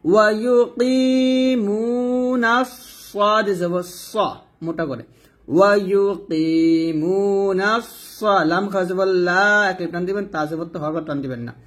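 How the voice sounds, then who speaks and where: A man teaching Quran reading in Bengali, spelling letters and vowel marks syllable by syllable and chanting the verses slowly. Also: sits high, fairly bright tone. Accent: Bangladeshi Bengali.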